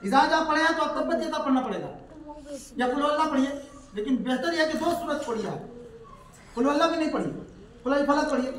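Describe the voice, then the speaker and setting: A man teaching step by step how to pray, repeating points, asking his student questions, and chanting the prayers slowly. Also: very high-pitched, lively intonation, fairly bright tone, a little hiss or hum. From India. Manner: slow melodic chanting of prayers. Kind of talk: step-by-step prayer lesson with recitation. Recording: echoey room, voice from far off.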